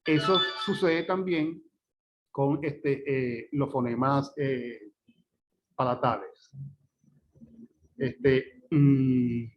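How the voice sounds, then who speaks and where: A male teacher giving a phonetics lecture. He checks in often with his students and repeats example words slowly and carefully. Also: medium pitch, dull audio, slight background noise.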